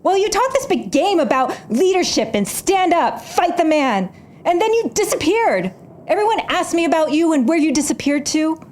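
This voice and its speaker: A woman performs an embittered, defiant stage magician in an audio drama, narrating her own story in the first person with dramatic intensity. Angry and defiant, she swings from hushed narration to furious outbursts in a very high, very animated voice at a moderate pace, with slight background noise.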